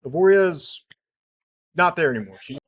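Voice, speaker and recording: Male game master, slightly high voice, easygoing, talks through rules in restarts. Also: lively intonation, normal speed. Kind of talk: narrating a tabletop game.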